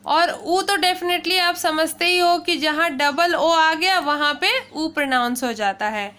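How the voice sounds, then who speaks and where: Slow, bright-voiced woman teacher. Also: very high-pitched. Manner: repeats "ठीक है" often, spells words letter by letter; addresses listeners as children. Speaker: English pronunciation teacher. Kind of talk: classroom-style lesson.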